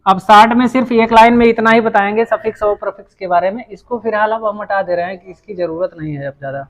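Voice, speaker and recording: Talking fast in a high voice, a man leads a whiteboard lesson on English grammar over poor audio. He explains patiently, repeats himself, and keeps restarting phrases as he writes.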